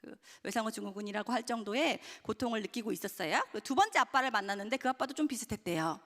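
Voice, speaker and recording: A woman's voice: a little high, lively intonation, fast, a bit bright. A woman, an author, telling a story to an audience in an earnest way and speaking to them directly. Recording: hall with long reverb.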